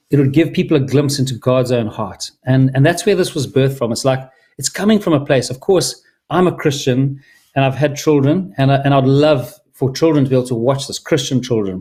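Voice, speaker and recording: A man's voice: mid-range voice, a little mellow. A middle-aged man from Zimbabwe, a filmmaker speaking earnestly and enthusiastically to an audience, with many restarts. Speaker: filmmaker presenting his film. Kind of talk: earnest personal talk to an audience.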